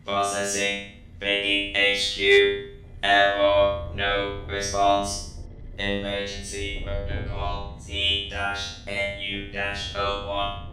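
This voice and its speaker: A stern security robot on duty, reading out its orders in a very low, completely flat monotone at an unhurried pace. The voice rings with a heavy echo. Loud music plays behind it. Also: male voice. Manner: flat, clipped, monotone announcements.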